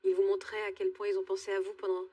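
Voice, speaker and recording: A woman's voice: mid-range voice, completely flat delivery, fast, a little mellow, slightly rough, recorded from a distance. A woman hosting a talk show, asking probing questions and thinking aloud. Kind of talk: empathetic interviewing. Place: TV studio.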